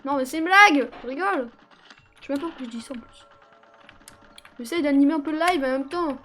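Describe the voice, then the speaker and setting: High bright French woman ranting while gaming. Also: a little fast, faint music behind. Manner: exasperated ranting and mock self-pity at the game. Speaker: Twitch streamer playing a video game. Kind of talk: live gaming stream commentary.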